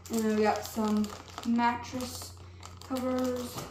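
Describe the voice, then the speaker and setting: Slow-talking young woman, roomy and distant. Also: a little high, flat delivery. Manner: slow, unhurried show-and-tell of items. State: pregnant, a little out of breath. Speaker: vlogger. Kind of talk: casual haul vlog. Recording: roomy, off-mic with background noise.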